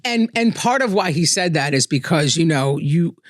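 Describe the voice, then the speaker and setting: A man's voice: on the high side, expressive, normal speed, no room sound. Guy hosting his own podcast, earnest and chatty, keeps saying right?, dry close sound. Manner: earnest, conversational, often adds "right?". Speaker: podcast host. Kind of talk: reflective solo monologue.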